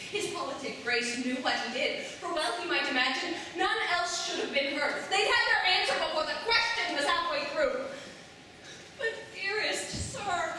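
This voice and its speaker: An actress playing a defiant but dutiful young noble daughter in classical verse drama, wry and formal in a theatrical way. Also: female voice, high voice, bright, forceful tone. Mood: respectful pleading. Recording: echoey room, distant mic, faint noise.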